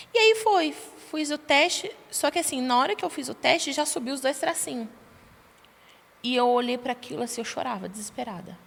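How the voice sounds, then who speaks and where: A young adult woman, a podcast guest, tells her personal testimony in a lively way and acts out the dialogue she quotes. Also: on the high side. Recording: long reverb, faint background noise.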